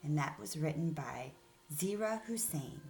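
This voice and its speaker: Speaking as an elementary school teacher, a woman reads aloud and explains a lesson to young children, putting questions to them directly. Her deep, darkish voice is creaky and unhurried yet lively in intonation, with faint music in the background.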